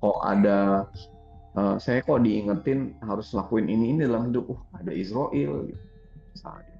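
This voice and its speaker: Brief: man, gravelly, relaxed teacher voice, slightly dull roomy recording. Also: medium pitch, moderate pace, soft background music. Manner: relaxed, chatty, laughs often, peppers talk with "gitu". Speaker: spiritual teacher. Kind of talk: casual conversational teaching.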